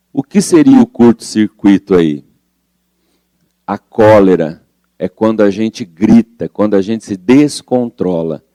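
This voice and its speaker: A man's voice: fairly low pitch, warm tone, dry recording. A man leading a study group, explaining a spiritual book and reading passages aloud in a conversational way that asks the group questions.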